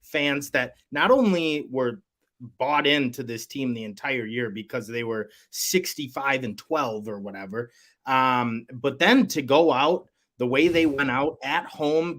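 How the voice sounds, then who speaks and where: Male co-host, mid-pitched, hesitant rambling chat. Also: a little slow, a bit bright. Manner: rambling, hesitant, many fillers. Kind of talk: casual sports betting chat.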